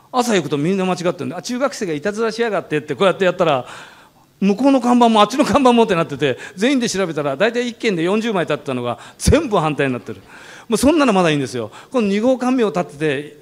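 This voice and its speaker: A man who founded a funeral company, telling a story about his business in a lively way, often laughing and acting out the voices of others. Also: high voice. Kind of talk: animated storytelling talk.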